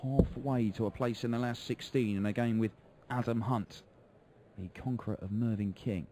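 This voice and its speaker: A man's voice: medium pitch, steady tone, moderate pace, background noise. A man giving live darts commentary in a colloquial way, reacting to each throw. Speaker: sports commentator.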